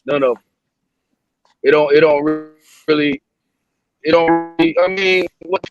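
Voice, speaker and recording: A man's voice: on the high side, steady tone, a little slow. A man on a remote call that keeps clipping and breaking up, talking bluntly with profanity and many restarts. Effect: clipped, breaking-up call connection. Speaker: panel guest. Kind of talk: casual panel discussion. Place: outdoors in woods, on the road. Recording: lo-fi dropping call line.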